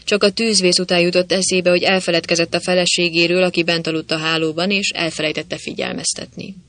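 A man narrating a humorous novel as an audiobook, telling it with lively irony. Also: high voice. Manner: ironic, lively storytelling.

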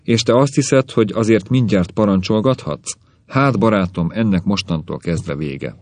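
A bitter, scornful husband, put on by a male audiobook reader, lectures and sneers in a very low, gravelly voice. Each remark drips with contempt. The recording is close and dry. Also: darkish tone, no echo, close to an everyday voice. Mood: sneering. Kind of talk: audiobook reading.

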